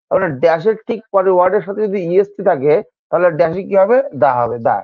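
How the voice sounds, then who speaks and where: A man's voice: high voice, expressive, fast, no echo, phone-quality sound. A man teaching an exam-prep grammar lesson, who repeats each point and keeps asking his students questions. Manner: addresses students informally. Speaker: English teacher.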